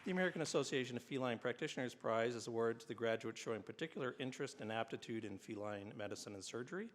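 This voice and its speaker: At a university convocation, a man with a mid-range voice presents awards in a large hall, speaking quickly over a faint crowd and slight background noise. He reads the formal citations with the occasional filler "uh" and drops in dry, self-deprecating remarks. The recording carries a long hall reverb.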